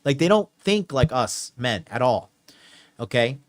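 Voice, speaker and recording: Man in his late 30s, call-in show host, emphatic, repetitive, mid-pitched voice. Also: sing-song, measured pace. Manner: emphatic, repeats himself, says okay a lot. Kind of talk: casual call-in advice talk.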